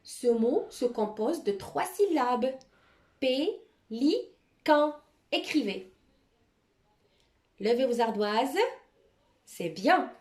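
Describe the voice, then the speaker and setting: A woman's voice: fairly high pitch, expressive, slow, pauses often, a little mellow. A woman teacher giving a dictation lesson to children, articulating each word carefully and repeating it twice. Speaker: primary school teacher. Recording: roomy echo.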